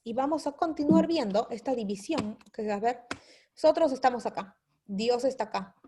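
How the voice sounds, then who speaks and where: A woman's voice: a little high, darkish tone. A woman teaching a Bible study lesson, explaining step by step and checking in with her listeners with a repeated "¿sí?".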